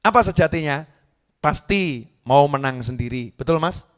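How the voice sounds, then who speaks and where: A man's voice: on the high side, normal speed. A man preaching a humorous sermon, teasing his audience. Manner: lively, joking, teasing the audience.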